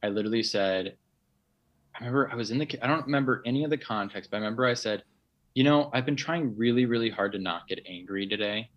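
Male podcast co-host, rambling conversational storyteller, mid pitch, slightly muffled mic. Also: quick pace. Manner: rambling, self-interrupting storyteller. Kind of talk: casual conversation. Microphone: remote podcast mic.

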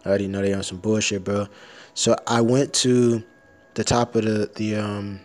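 A man with a fairly low, everyday speaking voice, talking bluntly and swearing freely. He rants casually, leans on slang like "bro", and sometimes reads text out loud. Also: little pitch movement, moderate pace. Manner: profane, blunt, ranting. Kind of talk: casual rant, reading an article aloud.

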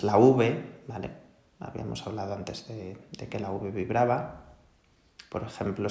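A man from Spain with a Spanish accent gives an English pronunciation lesson, explaining patiently and checking in with his students. His voice has a gravelly edge. The recording sits in a noticeably echoey room. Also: mid-range voice. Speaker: English teacher.

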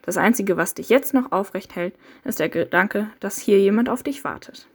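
A woman reads a dark interactive story aloud, addressing the listener directly. Her delivery is dramatic and builds tension in a mid-range voice. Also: mid-range voice, moderate pace, husky. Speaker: narrator. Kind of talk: second-person interactive audio story.

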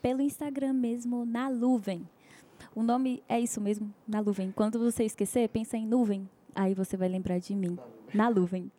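A young woman with a Brazilian accent, a singer guest telling her story in a giggly, animated way. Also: fairly high pitch, normal speed. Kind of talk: casual interview.

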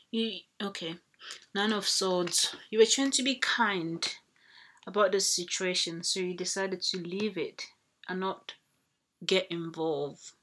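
A woman's voice: mid-range voice, a bit bright, a little hiss or hum. Woman giving a rambling tarot reading. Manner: rambling, thinking aloud with many fillers and restarts. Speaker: tarot reader.

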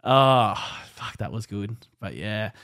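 A man's voice: lowish voice, very animated, takes it slowly, fairly bright tone, smooth. A man with an Australian accent hosting a podcast, talking footy in a blunt, rowdy way with heavy swearing. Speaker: podcast host. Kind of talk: casual chat.

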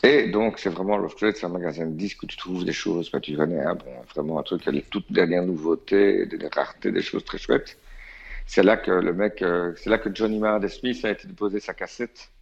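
Low, gravelly Belgian man telling stories. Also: a little fast, lo-fi sound. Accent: Belgian French. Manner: chatty, animated, many fillers and asides. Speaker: radio guest. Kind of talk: casual anecdote telling.

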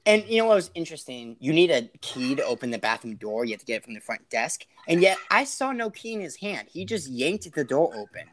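A young man co-hosting a podcast, telling a story in a dramatic, deadpan way. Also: fairly high pitch, a little fast, hardly any pauses, slight background noise. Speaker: podcast co-host. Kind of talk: casual storytelling.

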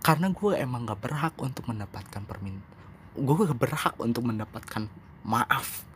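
A young man hosting his own podcast, talking candidly and rambling, now calm, now emphatic and self-mocking. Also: medium pitch, normal speed, a little hiss or hum. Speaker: podcast host. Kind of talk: casual solo podcast monologue.

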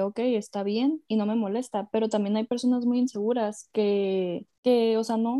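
A woman's voice: a little high, warm tone. A woman in a casual chat, reflective and a bit hesitant with fillers.

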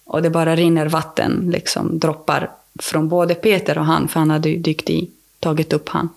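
A woman speaks as a podcast guest with a somewhat low voice and a gravelly, fry-laden texture. She tells her story in loose, conversational talk. She restarts her sentences and leans on fillers as she goes. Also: flat delivery, a little mellow.

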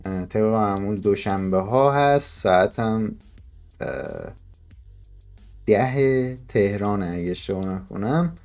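A man's voice: lowish voice, lively intonation, a little mellow, faint music behind. A man hosting a podcast in casual, bantering chat. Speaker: podcast host.

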